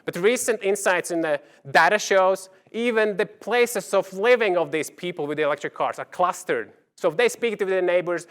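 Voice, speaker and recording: Man, somewhat high pitch, keynote speaker in front of an audience, emphatic key words, halting phrasing. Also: clean tone. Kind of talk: conference keynote presentation with slides.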